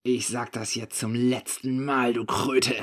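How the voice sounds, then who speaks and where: A man voicing his own drunk, furious younger self, slurring and shouting. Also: medium pitch, little pitch movement, a little slow, close to an everyday voice.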